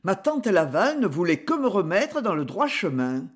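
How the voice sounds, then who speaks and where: A reader voicing a curt, angry young gentleman in an audiobook, speaking harshly. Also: medium pitch, very animated, normal speed. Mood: threatening. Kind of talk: audiobook character voice.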